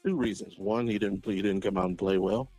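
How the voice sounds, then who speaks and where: A man calls in to a sports radio show to debate. His voice sits on the low side and sounds dry, with faint music underneath. He pushes back insistently, repeating phrases to drive his point. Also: steady tone, fairly quick, darkish tone, slightly rough, no echo. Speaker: caller to a sports talk show.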